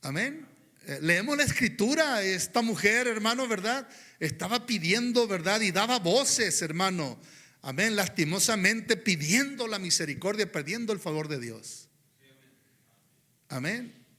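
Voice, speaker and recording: A male pastor preaching a sermon, often stopping to address his "brothers" and saying amen, moving between quiet, low passages and loud, high exclamations. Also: lively intonation, a little slow. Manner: rhythmic preaching, often inserts "hermano, ¿verdad?" and "Amén".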